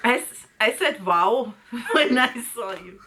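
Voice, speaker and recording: A woman puts on an earnest young male pop idol, smitten and a little nervous, delivered in a clumsy fake German accent. It is a hammy, overdramatic novel reading, pitched a touch above her normal voice. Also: animated, slow pace, pushed and bright, exaggerated voice. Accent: put-on fake German.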